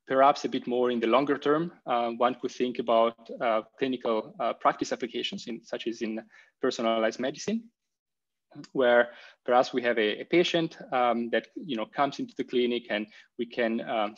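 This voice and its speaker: A man in his thirties presents research over a video call, and his voice comes through as a screen recording of the call. He speaks at a middle pitch and fills his sentences with ums, uhs and restarts. The sound is dull and lo-fi. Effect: screen-recorded video-call audio. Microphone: computer mic on a video call.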